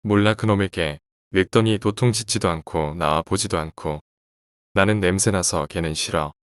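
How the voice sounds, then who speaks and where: A man's voice: sits low, normal speed, no room sound, clean studio sound, natural voice. A man voicing a scolding middle-aged housewife. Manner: scolding, dismissive. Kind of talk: horror story reading.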